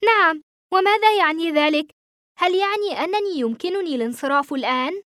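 A woman voicing a frightened teenage boy held captive, pleading in high-strung outbursts. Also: brisk, a bit bright, no echo, clean studio sound. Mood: panicked pleading.

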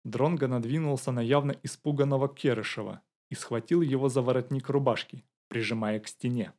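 A man narrating an audiobook in a measured, even way. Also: medium pitch. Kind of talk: scripted narration.

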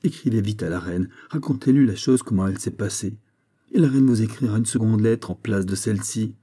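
A man reading aloud, giving an older woman nurse's lines in a calm, matter-of-fact way. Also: lowish voice, brisk, close to an everyday voice. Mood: practical.

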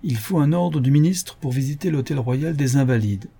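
A curt, imperious soldier-tsar voiced by a male narrator in a storybook reading. His voice sits above the narrator's own, dark and husky. He speaks in short, commanding bursts. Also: medium pitch, moderate pace, voice pushed up. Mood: impatient, commanding.

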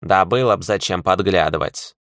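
A sulky, sarcastic old talking cat, as a male audiobook reader puts him on, swinging his pitch up and down as he scoffs. The voice sits fairly low and is recorded dry and close. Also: sing-song, moderate pace, fairly bright tone, dry recording. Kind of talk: audiobook character voice.

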